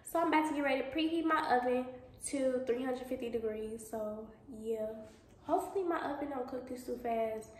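A cooking vlogger in her young adult years speaks briskly in a high-sitting voice, guiding viewers through a home cook-along in casual, chatty speech and calling them y'all and boo. The camera sits on the counter at a distance, indoors in her home kitchen, so the audio is echoey with noticeable background noise.

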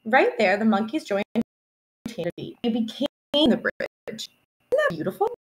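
A young elementary school teacher reads a storybook to children from a small room indoors at home. Her fairly high voice swings expressively and stays very animated, and her delivery is deliberate and teacherly, just right for a picture-book read-aloud.

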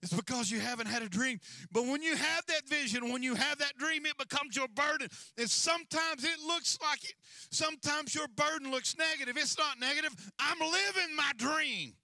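A man's voice: very high voice, normal speed, creaky, bright, forceful tone, no room sound. A middle-aged man preaching a sermon as senior pastor on a large church stage, with a handheld mic and a repetitive, rising and falling cadence.

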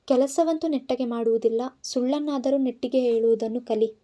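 Hot-tempered young male boss, curt and commanding, mellow timbre, voiced by a woman. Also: on the high side, steady tone, fairly quick, natural voice. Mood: stern.

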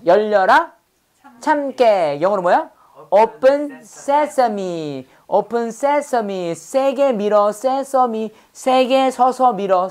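A woman teaching English vocabulary in a playful, lively manner. She uses call-and-repeat drills and pun stories. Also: mid-range voice. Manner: lively, playful, tells pun stories and acts out quoted voices.

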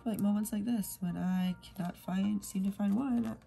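Over soft background music, a young planner vlogger with a cold talks her way through filling in her planner in a relaxed plan-with-me chat. Her medium-pitched voice stays fairly even at a moderate pace, with vocal fry and a breathy edge. She's sniffly and rambling, speaking softly and drifting into whispers now and then.

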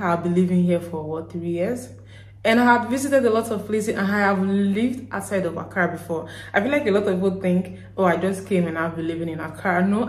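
A woman's voice: lowish voice, a little mellow. A woman from Nigeria with a Nigerian accent tinged with Ghanaian, chatting casually and rambling in a reflective vlog. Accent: Nigerian, with some Ghanaian. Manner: chatty and rambling, with frequent fillers and laughs. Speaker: vlogger. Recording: echoey room.

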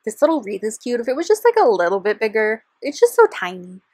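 A woman's voice: a little high, sing-song, fast talker, a little mellow, dry recording. A young woman chatting in a bubbly, gushing way as a vlogger, talking over her shopping footage. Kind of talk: shopping vlog voiceover. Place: parked car.

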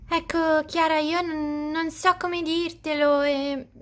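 A woman's voice: sits high, flat delivery, takes it slowly. A woman voicing a mischievous teen-girl doll. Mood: fake-ashamed. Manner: cheerful, mischievous. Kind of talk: doll story role-play.

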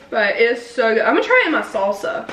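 A woman's voice: a little high, fairly bright tone. A young woman vlogger chatting casually and giggling while she eats on camera. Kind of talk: casual mukbang chat. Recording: echoey room with faint noise.

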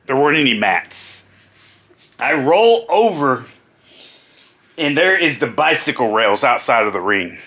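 A middle-aged former pro wrestler animatedly tells a road story for his vlog, laughing and acting out voices. His mid-range voice moves a little slowly with frequent pauses.

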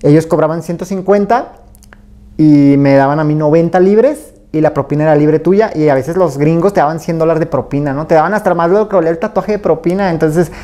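A Mexican man talks through his story in a mellow, easygoing voice. He rambles casually and leans on fillers. Now and then he acts out what others said to him. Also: on the high side, brisk. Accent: Mexican Spanish. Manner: relaxed and rambling, with many fillers and acted-out quotes. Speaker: tattoo artist, interview guest.

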